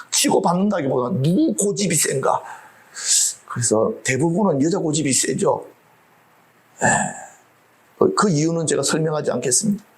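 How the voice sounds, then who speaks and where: A middle-aged man preaching a sermon as pastor, humorous and full of rhetorical questions. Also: fairly high pitch.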